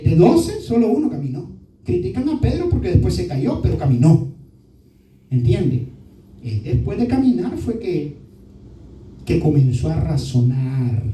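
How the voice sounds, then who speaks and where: A male pastor preaches a sermon and keeps checking in with his listeners through short tag questions. His voice is dark and mellow. It echoes around a roomy hall from a distant mic, with faint noise behind. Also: on the high side. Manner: often adds "¿verdad?" as a tag question.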